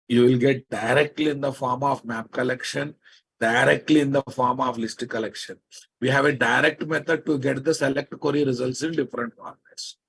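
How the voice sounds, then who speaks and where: A man with a slightly rough, husky voice and a Telugu accent from India gives a live programming lecture. He is emphatic and instructive, restating key phrases and checking on his class with pointed questions. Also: mid-range voice, fairly even intonation, moderate pace, a bit bright. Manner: emphatic, repeats phrases and prods listeners with questions. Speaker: software teacher.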